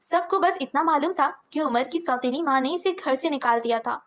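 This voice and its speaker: A woman reading a novel aloud as an audiobook narrator, steady and measured. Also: sits high.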